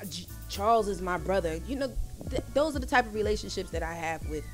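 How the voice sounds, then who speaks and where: A woman in her forties tells stories in a chatty, animated way and giggles easily. Her pitch sits in the middle range. Faint music plays softly in the background. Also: fairly quick. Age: 40s. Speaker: singer guest. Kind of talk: casual live-stream interview.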